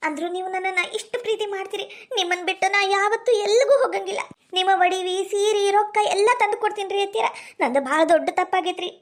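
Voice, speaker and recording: Brief: woman playing a remorseful young village bride, very high-pitched, North Karnataka accent, pleading. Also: quick pace, hardly any pauses. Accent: North Karnataka Kannada. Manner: pleading, apologetic. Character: young repentant village daughter-in-law. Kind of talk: village comedy skit.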